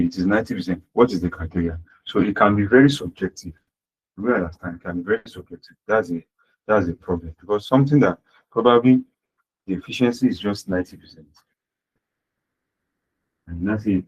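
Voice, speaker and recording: Teaching accounting in an online class, this man speaks fairly quickly in a fairly low, slightly rough voice. He repeats his points and asks rhetorical questions, and the online class audio is low-quality.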